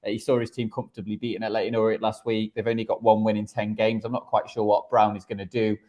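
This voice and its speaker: A man's voice: fairly low pitch, little pitch movement, fast, warm tone. Conversational man tipping football bets, often stammering. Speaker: football betting podcast host giving tips. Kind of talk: conversational sports tipping and analysis.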